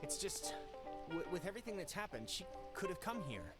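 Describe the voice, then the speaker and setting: An actor playing an anxious, hopeful teenage boy in a video game, halting and pleading as he repeats himself. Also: sits high, very animated. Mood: desperate hope. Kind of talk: naturalistic video game dialogue. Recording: loud music behind the voice.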